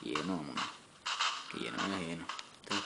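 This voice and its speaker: A man's voice: sits low, animated, vocal fry. A young man doing casual let's-play commentary, cursing often and muttering in exasperation. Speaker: gameplay commentator. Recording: loud noise behind the voice.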